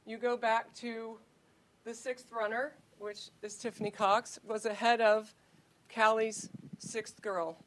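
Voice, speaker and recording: A woman cross country coach giving a speech at a team event, rambling with many fillers and restarts. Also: medium pitch.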